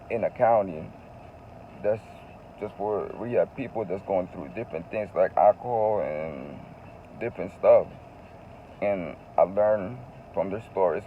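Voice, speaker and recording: A low-voiced man vlogs a personal story in a casual, confessional way, earnest and emotional, often repeating phrases for emphasis. The audio has phone quality with a little hiss or hum.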